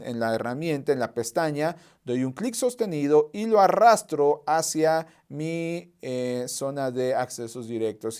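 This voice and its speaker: A man walking viewers through a software tutorial over a screen share, methodical, repeating key points and thinking aloud as he clicks. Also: medium pitch, smooth. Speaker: software trainer.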